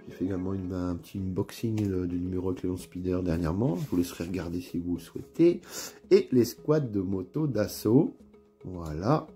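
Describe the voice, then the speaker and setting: A man with a northern French accent chatting casually through an unboxing video, with plenty of hesitations and fillers. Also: low voice. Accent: northern French (Ch'ti). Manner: relaxed, chatty, many fillers and pauses. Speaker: miniatures hobby YouTuber. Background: faint background music.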